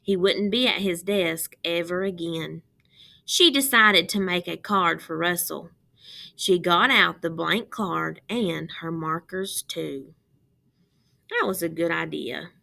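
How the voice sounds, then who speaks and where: With a lowish, creaky voice, a woman reads a picture book aloud to children, deliberate and expressive, and pauses to ask them questions.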